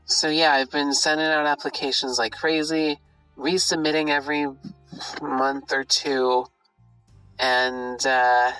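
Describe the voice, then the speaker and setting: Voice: medium pitch, level tone, a little slow, fairly bright tone, clean tone, soft background music, rough recording. A tired person confiding troubles in a rambling, self-deprecating audio journal, casual and sweary, recorded on a phone. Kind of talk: rambling late-night confessional monologue.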